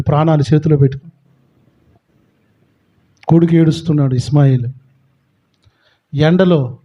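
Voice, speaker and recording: High-pitched emphatic male preacher. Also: muffled recording. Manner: emphatic preaching with rhetorical questions. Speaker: pastor. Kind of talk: sermon.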